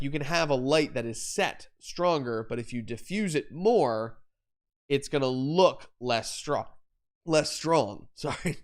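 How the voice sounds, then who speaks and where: A young man talks casually on a live stream, walking through lighting setups, with many fillers and restarts. His voice is smooth and clear, pitched in an ordinary middle range. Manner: rambling, self-correcting, explains while demonstrating. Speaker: photography livestream host.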